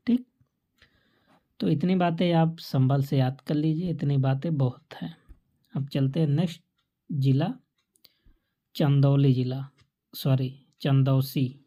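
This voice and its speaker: Low slow-talking woman teacher, dull lo-fi. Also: dark tone. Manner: quizzes listeners and answers her own questions; repeats key facts for memorizing. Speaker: exam coaching teacher. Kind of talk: exam-prep lecture.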